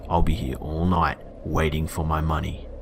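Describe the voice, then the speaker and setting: A man voicing an aggressive man who shouts demands and threats. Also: very deep voice, level tone, moderate pace, vocal fry, a little hiss or hum, pitched below the performer's own voice. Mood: threatening.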